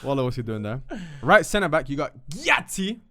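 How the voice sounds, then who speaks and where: A man's voice: medium pitch, big pitch swings, moderate pace, pushed and bright. A man, casually running through football lineups and teasing his co-hosts. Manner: playful, teasing, slang-heavy. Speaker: podcast co-host presenting lineups.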